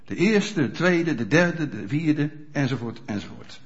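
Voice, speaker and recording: A pastor preaching a sermon in a church, speaking straight to the congregation with frequent rhetorical questions. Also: male voice, on the high side, measured pace. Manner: animated, addresses congregation directly with rhetorical questions. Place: church hall. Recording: dull lo-fi church recording.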